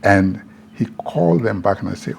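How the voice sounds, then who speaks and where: An older man from Benin in Nigeria, a broadcast journalist, reminiscing in a relaxed conversation and sometimes repeating words as he starts. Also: fairly low pitch, moderate pace, creaky.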